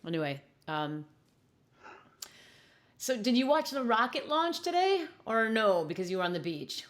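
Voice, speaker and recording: A woman's voice: fairly high pitch, very animated, measured pace. A woman hosting a casual chat, giggling and laughing often as she talks. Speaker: host.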